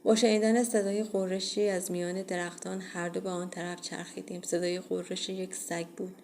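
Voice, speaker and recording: Low, flat-voiced woman narrating. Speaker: audiobook reader. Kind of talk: first-person horror audiobook narration.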